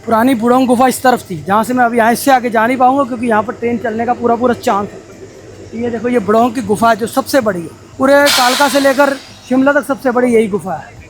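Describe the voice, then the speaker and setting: A man vlogging a mountain toy train ride, talking casually and excitedly to his viewers. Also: extremely high pitch, brisk, noisy background. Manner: chatty, excited, addresses viewers as brothers. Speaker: travel vlogger. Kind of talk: casual travel vlog narration. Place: aboard a mountain toy train and on station platforms.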